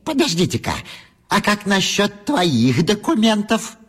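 An actor playing an earnest, assertive dog detective in a children's audio story, emphatic and easily indignant. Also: male voice, high voice, wildly swooping pitch, measured pace, husky, full character voice. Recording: long hall reverb, music behind.

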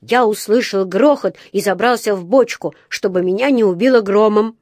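A woman's voice: medium pitch, moderate pace, darkish tone, no room sound, clean studio sound, lightly acted. A woman voicing a small, polite young male bear who talks earnestly and meekly in a children's storybook. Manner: earnest, meek.

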